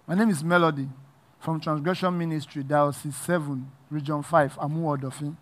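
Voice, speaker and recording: A man's voice: fairly high pitch, steady tone, fairly quick, a bit bright, lightly acted. A man with a Nigerian accent playing a nervous church man at an audition, earnest and rambling. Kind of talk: comedy skit acting.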